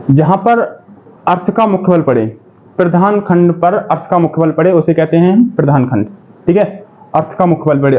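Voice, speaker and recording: High-voiced man teaching exam prep. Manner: repeats questions and answers them himself, says "ठीक है" often. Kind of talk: classroom-style lesson. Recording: dull lo-fi sound.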